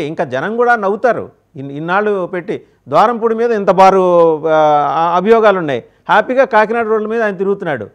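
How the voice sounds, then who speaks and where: A male debate anchor with a high voice who talks quickly. He presses his panelists and cuts in on them to move the debate along. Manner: interrupting, pressing guests. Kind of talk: moderating a heated panel debate.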